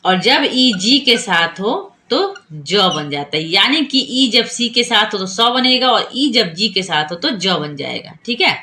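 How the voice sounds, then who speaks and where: Bright-voiced woman teaching phonics. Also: mid-range voice, big pitch swings, measured pace, hardly any pauses. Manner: explains patiently, repeats and quizzes the listener. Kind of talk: whiteboard phonics lesson.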